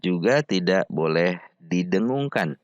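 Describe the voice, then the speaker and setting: A man teaching Quran recitation, patiently repeating syllables slowly for practice. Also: low-pitched, lively intonation, no room sound, highs cut off. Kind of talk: slow step-by-step pronunciation lesson.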